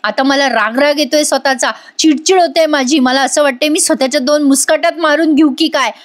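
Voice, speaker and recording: A woman voicing an angry young wife from a TV serial who shouts and turns her husband away. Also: high voice, a little fast, lightly acted. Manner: shouting, bitter.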